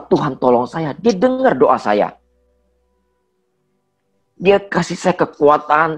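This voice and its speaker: A man around forty, a pastor, giving an earnest personal testimony in conversation, speaking emphatically with a slight stammer. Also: mid-range voice. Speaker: pastor, guest.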